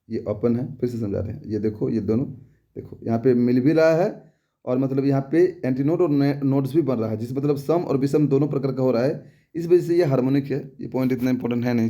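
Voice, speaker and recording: A man's voice: mid-range voice, dark tone, lo-fi sound. A young adult man teaching an exam-prep lesson in a casual, repetitive way, often asking if students have understood. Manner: repetitive, asks rhetorical check questions, homely examples.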